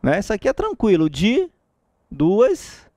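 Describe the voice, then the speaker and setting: A teacher with a Brazilian Portuguese accent gives a lively exam-prep grammar lecture, posing rhetorical questions and frequently checking in with "tá?". He has a high voice, a measured pace, and no room sound.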